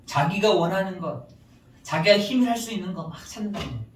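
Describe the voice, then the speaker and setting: Emphatic Korean pastor in echoey church. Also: male voice, high-pitched, animated, quick pace. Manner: emphatic, acts out prayers and complaints in raised voice. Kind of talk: sermon. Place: church sanctuary. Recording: echoey church room, mic at a distance.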